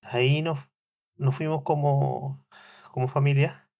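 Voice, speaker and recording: A man's voice: medium pitch, steady tone, slow, gravelly, a little mellow. A man, hosting a solo podcast in a hesitant way, with many fillers and restarts. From Chile. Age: 40s. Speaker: podcast host.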